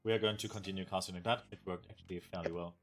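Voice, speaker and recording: A man's voice: sits low, steady tone, rapid-fire. German-accented man casting a game. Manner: enthusiastic, thanks viewers, searches for words. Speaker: caster. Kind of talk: esports commentary. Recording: faint game music behind.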